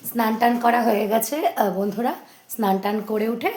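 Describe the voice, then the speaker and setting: A woman with a hoarse voice chatting casually in a home vlog, often stopping to talk to her baby. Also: on the high side, a little fast, darkish tone, echoey room. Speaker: vlogger.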